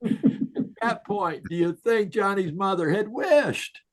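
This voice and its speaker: A man's voice: sits high, a little slow. Folksy storytelling man on a video call. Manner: folksy, chuckling, rhetorical questions. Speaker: leadership speaker. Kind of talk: storytelling talk to an online group. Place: online video session.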